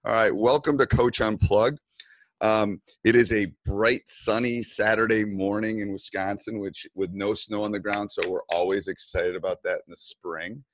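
Deep-voiced chatty male podcast host. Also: fairly even intonation, normal speed, no room sound. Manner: chatty, with many fillers and restarts. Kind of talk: casual interview.

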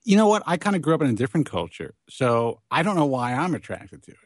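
A man's voice: on the high side, sing-song, quick pace, no echo. A man with a New York accent hosting a casual podcast chat, musing aloud in a candid, reflective way. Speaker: podcast host.

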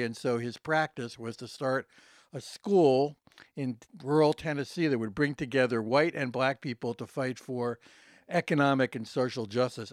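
A man with a medium-pitched voice gives an expert interview answer. He lectures like a professor, telling history factually, on a dry recording with no room sound. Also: no echo.

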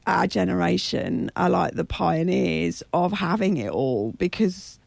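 A woman with a croaky, hoarse frog voice, speaking haltingly as she searches for words in a radio interview. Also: lowish voice, darkish tone, no echo. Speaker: radio show guest. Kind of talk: personal interview conversation.

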